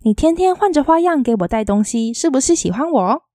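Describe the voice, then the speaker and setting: A blunt, fierce teenage girl, as a woman reads her lines in a soft, mellow tone. The sound is dry and close, with a quietly lilting delivery. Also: high voice, sing-song, fairly quick, no room sound, voice pushed up. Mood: teasing, sad. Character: fierce, blunt teenage city girl, secretly gravely ill.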